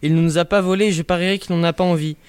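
Man voicing a smooth, courteous traveler. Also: high voice, steady tone, very fast, no room sound, close to an everyday voice. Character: polite curious male traveler. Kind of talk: audio drama reading.

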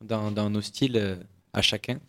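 A man, a band musician, talking about his group in a relaxed, chatty radio studio interview. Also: lowish voice, normal speed. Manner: relaxed, chatty, loose with filler words.

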